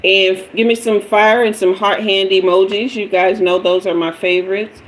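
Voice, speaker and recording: This tarot reader, a woman in her fifties, talks at a normal speed in a mid-range voice with fairly even intonation. Hosting a relaxed livestream on a rough recording, she jokes with viewers, welcomes them, requests emojis, and wanders on and off the mic.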